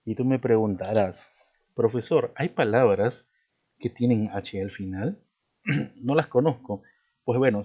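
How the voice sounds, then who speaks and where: A male teacher giving a patient spelling lesson. He talks at a middle pitch, explains step by step and keeps checking in with his listener through repeated tag questions. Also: mellow.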